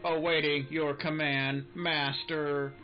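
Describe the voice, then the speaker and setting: Brief: man putting on a stiff, obedient robot servant for a game playthrough, slow mechanical lines, muffled lo-fi sound. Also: a little high, level tone, soft background music. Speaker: let's play gamer reading dialogue aloud.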